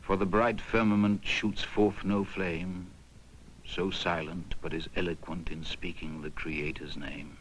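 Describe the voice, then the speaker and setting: Low-pitched man, solemn verse recitation, grave and deliberate, unhurried pace, slight background noise. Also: level tone, rough recording. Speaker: reader of verse. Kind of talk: solemn recitation of old devotional poetry.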